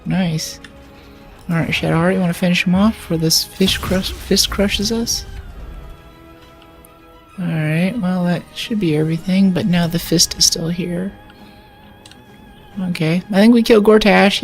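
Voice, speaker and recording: A woman streamer chats her way through a video game, thinking aloud with plenty of fillers. Her voice sits a little low. Faint game music runs underneath. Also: normal speed, long pauses. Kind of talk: casual gameplay commentary.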